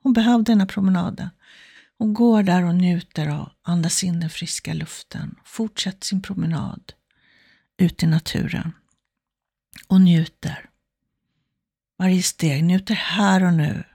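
A woman's voice: fairly low pitch, creaky, pauses often, mellow, slightly rough, no echo, clean studio sound. A woman telling an illustrative story as a self-help speaker, acting out the characters' inner thoughts in quoted asides. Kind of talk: storytelling example talk.

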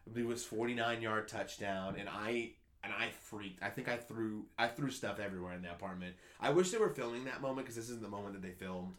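New guy on a sports podcast, lowish voice, gets worked up and restarts a lot telling his story. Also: fast, hardly any pauses. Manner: excitable storyteller, rambling with restarts. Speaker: podcast co-host. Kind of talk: casual sports chat.

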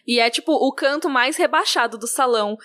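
A woman co-hosting a casual book-discussion podcast, retelling scenes in an animated storytelling way. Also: sits high, fairly quick. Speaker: podcast co-host.

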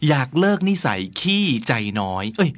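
A man's voice: a little high, moderate pace, no room sound. A man hosting a podcast vocabulary lesson who spells out words letter by letter and chats in a friendly way. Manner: lively, friendly chat. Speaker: podcast host.

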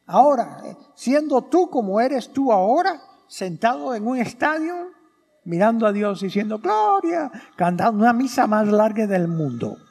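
A man's voice: sits high, sing-song, normal speed, darkish tone, husky. A priest preaching a sermon at Mass, repeating his key phrases and putting questions to the congregation. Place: church during Mass. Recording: long reverb of a church hall.

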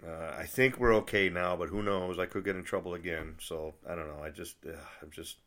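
A middle-aged man with a very low, deep voice, chatting on his own in a loose monologue. He rambles and restarts often and sounds exasperated as he vents. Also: steady tone, brisk, a bit bright. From United States. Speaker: vlogger. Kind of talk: casual monologue to camera.

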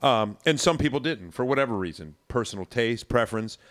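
A man's voice: medium pitch, expressive, fairly quick, fairly bright tone. A man in a casual discussion, telling stories with dry humor. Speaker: discussion panelist.

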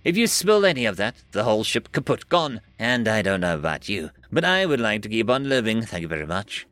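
Man playing a tired, deadpan male officer for an audio story; lively pitch, dry sound. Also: brisk, dry recording. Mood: stern. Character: weary, sardonic man, ship officer.

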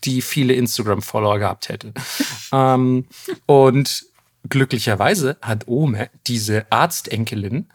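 A man's voice: mid-range voice, unhurried, slightly rough. A man hosting a podcast, retelling a story in a casual, slangy way, laughing often and acting out the quotes. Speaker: podcast host.

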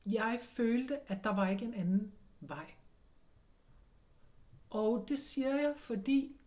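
A middle-aged woman in a casual interview, telling her story reflectively and acting out the voices she quotes. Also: on the high side. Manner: reflective storytelling, animated quoting of inner voices. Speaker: interview guest, clairvoyant.

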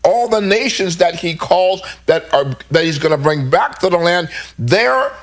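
A man with a fairly high voice teaches scripture. He is emphatic and repeats phrases as he reads verses aloud and then explains them. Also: lively intonation, a little slow. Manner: emphatic, repeats himself while reading verses.

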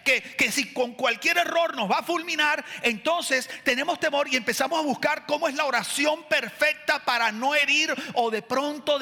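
Animated coastal preacher, bright voice. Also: male voice, very high-pitched, normal speed, hardly any pauses, long reverb tail. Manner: animated, conversational, uses slang and playful asides. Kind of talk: sermon.

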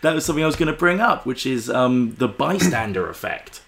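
A man in casual conversation, animated as he tells stories, laughing often and swearing freely. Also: mid-range voice, fairly quick, vocal fry. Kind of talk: casual chat.

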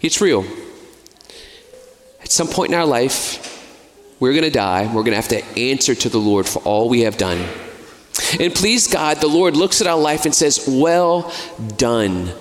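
Chatty preacher in an echoing hall. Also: male voice, mid-range voice, animated, moderate pace. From United States. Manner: conversational, with casual asides and fillers. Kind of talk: sermon. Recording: long hall reverb.

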